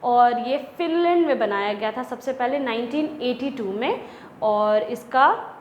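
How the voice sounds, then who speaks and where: A young woman teaching an English lesson. She reads English lines slowly and deliberately, then explains them in Hindi. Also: on the high side, animated, dull audio. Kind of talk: classroom lesson explaining a textbook chapter. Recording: echoey room with faint ambient noise.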